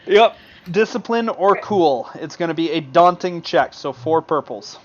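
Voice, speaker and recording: Game master, male, improvising tabletop narration with lots of fillers; somewhat higher voice, muffled recording. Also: expressive, unhurried. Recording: dull lo-fi mic.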